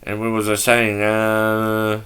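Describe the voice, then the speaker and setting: A man's voice: on the low side, monotone, takes it slowly, a bit bright, smooth. A man hosting a podcast in a casual, offhand way, reading aloud from notes and stumbling over words as he goes. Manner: offhand and loose. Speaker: podcast host.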